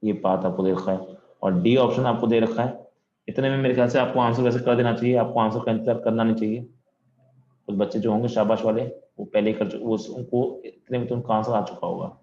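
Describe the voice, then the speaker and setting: A man's voice: mid-range voice, fairly even intonation, fairly quick, warm tone, echoey room, lo-fi sound. Joking man teaching a physics class. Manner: joking, chatty, playful with students. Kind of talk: online class lecture. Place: at home.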